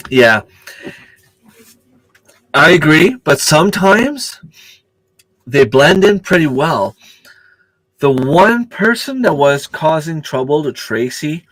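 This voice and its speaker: A man whose first language is French hosts a casual live stream, searching for words, restarting sentences, using many fillers and answering viewer comments as they arrive. His voice is on the high side, sing-song and fairly bright, and he speaks slowly with frequent pauses. The recording is dry and of poor quality.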